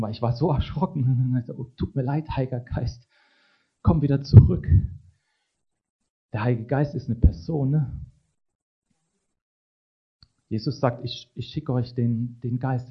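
A man preaches a sermon in a conversational style, often checking in with the congregation through quick tag questions. His voice is medium-pitched, and the audio sounds dull.

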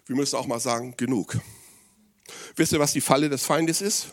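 German-speaking pastor preaching with rising emphasis. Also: male voice, mid-range voice, normal speed. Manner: animated preaching, voice rising sharply for quoted words; addresses listeners directly with rhetorical questions. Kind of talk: sermon.

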